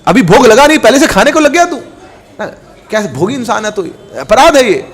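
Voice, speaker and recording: A man's voice: high voice, expressive, fast talker. A man voicing a humble ascetic who scolds himself in devotional storytelling. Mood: self-scolding. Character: humble guilt-stricken male ascetic, self-reproaching.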